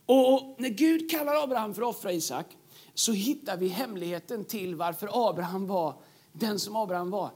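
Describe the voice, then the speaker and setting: High-pitched male pastor, preaching emphatically with repeated phrases. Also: a little mellow, husky. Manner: emphatic, repeats key phrases, jokes with the congregation. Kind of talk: sermon.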